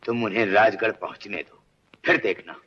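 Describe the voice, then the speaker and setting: An actor playing a boastful police superintendent who gives commands in an old film melodrama. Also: male voice, on the low side, moderate pace, bright, forceful tone. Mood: stern. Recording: dull old film soundtrack with faint music.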